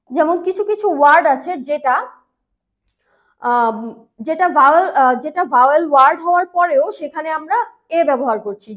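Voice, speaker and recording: A woman teaching English grammar in a patient, repetitive way, slowing down on key words and using fillers. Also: sits high, a bit bright. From Bangladesh. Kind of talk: grammar lesson explanation.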